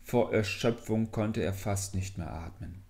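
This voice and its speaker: A man reading a fairy tale aloud in a deliberate, expressive storybook manner. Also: lowish voice. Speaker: audiobook reader. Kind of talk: storybook narration.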